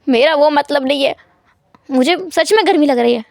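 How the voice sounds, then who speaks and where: A woman's voice: high-pitched, normal speed, creaky, darkish tone, no echo, clean studio sound. Woman doing a stammering, flustered shy young man. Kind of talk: storytelling fan fiction.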